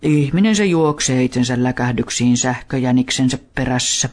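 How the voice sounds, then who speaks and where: A man's voice: medium pitch, darkish tone, natural voice. A man voicing a grumpy old talking dog. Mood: grumbling. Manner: grumbling, dry complaints.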